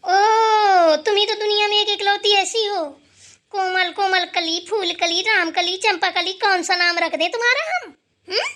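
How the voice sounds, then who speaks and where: A woman voicing a sharp-tongued, scolding old mother-in-law in a cartoon, taunting and sarcastic. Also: very high-pitched, animated, normal speed, heavily acted. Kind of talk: cartoon voice acting.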